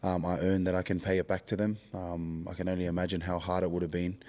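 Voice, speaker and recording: A man in his twenties, born in Samoa and raised in Australia, talking casually and haltingly as a podcast guest, with lots of ums and likes. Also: sits low, little pitch movement. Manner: soft-spoken, halting, many ums and likes. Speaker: podcast guest, rugby league player. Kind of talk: casual interview chat.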